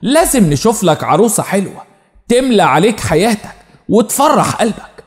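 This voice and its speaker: Man playing a friendly egyptian doctor, fatherly, lively high voice, echoey. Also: a little fast. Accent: Egyptian Arabic. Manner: warm, fatherly. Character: kindly, jovial middle-aged male doctor. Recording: long reverb.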